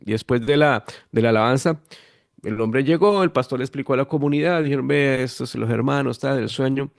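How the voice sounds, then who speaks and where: Colombian pastor in his 50s, Bogotá accent, animated testimony, dry close sound. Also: mid-range voice, brisk, vocal fry, no room sound. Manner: lively animated storytelling, acting out quoted voices. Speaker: guest pastor. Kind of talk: storytelling testimony.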